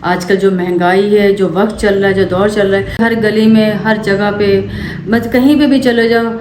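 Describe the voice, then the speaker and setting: A young woman from Pakistan, telling a story to camera for her family vlog in an animated way. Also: mid-range voice. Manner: animated, quick to act out what happened. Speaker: family vlogger. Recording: echoey room with faint ambient noise.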